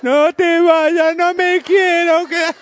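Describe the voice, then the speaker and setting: A man voicing a whiny, clingy little child who begs his mother not to leave, in a high, wailing, drawn-out voice. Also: flat delivery. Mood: whining.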